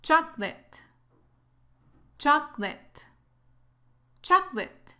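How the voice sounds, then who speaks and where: Woman, English teacher, pronunciation drill, slow deliberate delivery, repeats each word. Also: sits high, big pitch swings, bright, forceful tone. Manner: slow, careful drilling of words twice. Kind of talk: pronunciation lesson.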